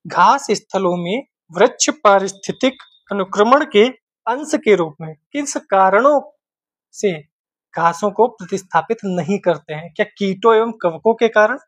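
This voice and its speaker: A man's voice: high-pitched, dry recording. A man teaching exam questions in a lecture style. He explains step by step, repeats key points and mixes in English terms.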